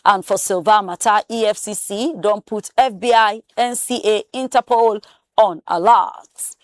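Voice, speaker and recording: A woman with a Nigerian accent presenting a newspaper headline review in Pidgin, brisk and emphatic with rising stresses on key stories. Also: medium pitch, no room sound, clean studio sound. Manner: brisk, animated headline reading with emphatic rises.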